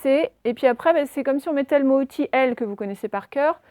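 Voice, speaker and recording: A woman teaching a dictation lesson, slowly spelling out words letter by letter for her pupils. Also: high voice, animated, darkish tone, no echo. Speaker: primary school teacher.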